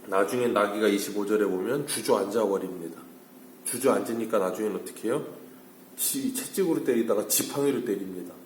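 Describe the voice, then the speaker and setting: A man's voice: lowish voice, brisk, darkish tone, echoey room, a little hiss or hum. A man preaching at an early-morning church service. He asks the congregation questions and then answers them himself. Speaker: pastor. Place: church sanctuary.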